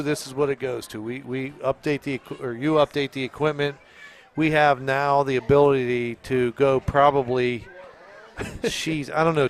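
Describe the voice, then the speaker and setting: Friendly male commentator reading stats. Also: mid-range voice. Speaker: sports commentator. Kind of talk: local high school football broadcast.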